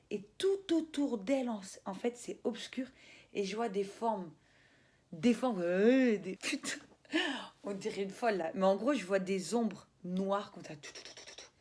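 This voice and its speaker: A young woman telling a personal story in a casual, animated way, full of slang. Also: on the high side, breathy edge. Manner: animated, slangy, laughs often, acts out voices. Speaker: spiritual vlogger.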